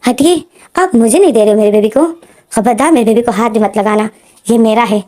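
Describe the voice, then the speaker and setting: Woman voicing a young man, emotional and protective, pitched high and mellow, pleading lines. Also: fairly quick, natural voice. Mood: insistent.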